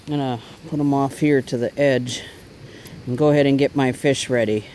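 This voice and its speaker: Man, casual outdoor vlog, mellow higher voice, faint outdoor noise. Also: steady tone, normal speed, rough recording. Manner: chatty, easygoing, talks while eating. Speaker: bushcraft vlogger. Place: outdoors by a cooking fire.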